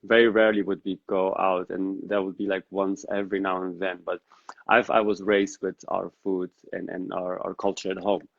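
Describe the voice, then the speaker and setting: In a relaxed interview, this Dutch-based man, a native Dari speaker appearing as a podcast guest, speaks in a low, gravelly, flat voice at an ordinary pace. He thinks out loud with an earnest, reflective tone. The audio is dull and lo-fi, with no echo.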